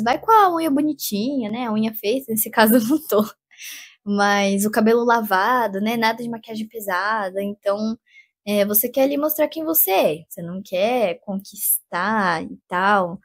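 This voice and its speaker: Young Brazilian woman, Brazilian Portuguese accent, casual vlog advice, fairly high voice, chatty. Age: young adult. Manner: chatty, animated, frequent fillers. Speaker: vlogger giving job interview advice.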